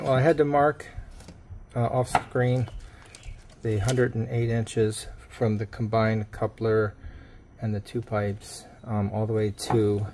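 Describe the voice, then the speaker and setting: A DIY video maker demonstrates a build on camera, talking through a casual hands-on how-to as he works with his tools and thinks aloud. His voice sits on the low side with vocal fry, and the background is noisy.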